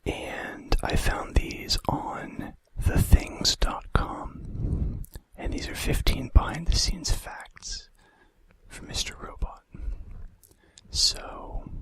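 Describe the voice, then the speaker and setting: A man serves as an ASMR host, whispering gently and breathily into a close mic as he reads facts aloud, interrupted by casual, tentative asides.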